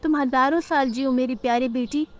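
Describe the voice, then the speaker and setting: A poor, gentle mother bird from a cartoon story, voiced by a woman. Her high voice is soothing and motherly. She speaks patiently to her child. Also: fairly even intonation, fairly quick, natural voice. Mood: tender.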